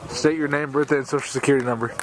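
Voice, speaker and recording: A man's voice: medium pitch, steady tone, rapid-fire. A young man bantering casually and teasingly with friends as he films them outdoors. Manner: jokey, teasing. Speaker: vlogger filming friends at a track meet. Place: outdoors at an athletics meet. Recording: loud crowd, outdoor handheld camera. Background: crowd chatter and outdoor noise.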